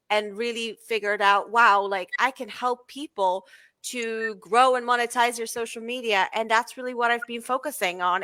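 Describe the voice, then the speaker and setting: A woman in her thirties, originally from Bulgaria, chatting as an interview guest in an upbeat, lively way with plenty of fillers. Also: mid-range voice, smooth, dry recording. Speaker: guest, content marketing coach. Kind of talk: casual interview chat.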